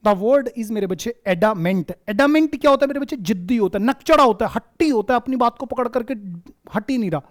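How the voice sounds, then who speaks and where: A man's voice: extremely high pitch, expressive, fast. A man hosting a vocabulary lesson for exam students, fondly calling them "my child" and "dear", mixing English words into his explanations and repeating quiz questions back. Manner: mixes English words into Hindi teaching. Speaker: vocabulary teacher and show host.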